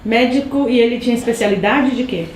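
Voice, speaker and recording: A woman's voice: fairly high pitch, a little fast, darkish tone. Woman asking brief interview questions. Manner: short prompting questions. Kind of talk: oral history interview. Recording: echoey room, faint noise.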